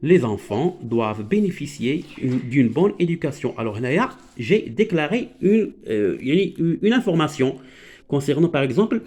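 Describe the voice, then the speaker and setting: A man's voice: mid-range voice, big pitch swings, normal speed, darkish tone, slightly rough. A man with a Moroccan accent teaching a French grammar lesson to children, explaining patiently and mixing in Moroccan Arabic. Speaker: primary school French teacher.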